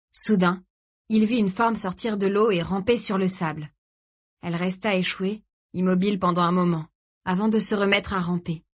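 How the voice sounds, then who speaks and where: A woman reading a dramatic novel aloud in a steady, grave storytelling voice. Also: mid-range voice. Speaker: audiobook narrator. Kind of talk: scripted dramatic narration.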